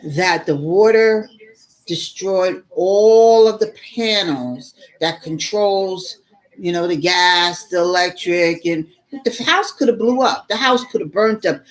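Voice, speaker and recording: A middle-aged woman telling a story casually to her viewers, animated and exasperated, calling the listener "girl". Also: medium pitch. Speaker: vlogger.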